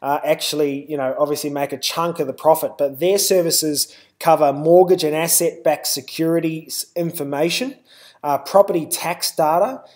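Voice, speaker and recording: A man's voice: fairly high pitch, moderate pace, a little mellow. A man with a New Zealand accent giving a live webinar presentation, talking loosely with lots of "uh" and "you know".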